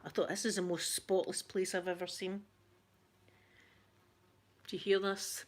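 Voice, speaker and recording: A woman's voice: mid-range voice, little pitch movement, a little slow. A woman with a Glaswegian Scottish accent, chatting casually on a live ASMR stream, greeting viewers by name and often breaking off mid-sentence. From Scotland. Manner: chatty, warm greetings to viewers, frequent laughs and self-interruptions. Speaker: ASMR channel host reading live chat.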